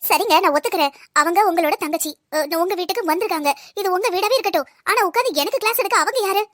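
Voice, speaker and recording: Woman voicing a young working wife, cartoon; very high, quick, reproachful. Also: expressive, a bit bright, no echo, clean studio sound. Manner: pointed, reproachful. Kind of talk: cartoon voice acting.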